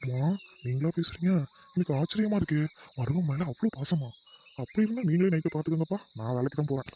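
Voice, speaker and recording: A man's voice: fairly high pitch, animated, fast talker, warm tone, a little hiss or hum, natural voice. A man playing a doting playful husband. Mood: teasing. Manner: playful, teasing, affectionate. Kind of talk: family comedy skit acting.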